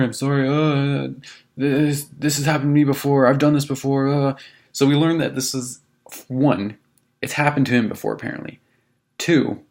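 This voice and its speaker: Gravelly young man telling a dorm story. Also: lowish voice. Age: 20s. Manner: animated, laughing retelling with quoted voices. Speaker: vlogger. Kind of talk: casual storytelling to camera. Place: college dorm room.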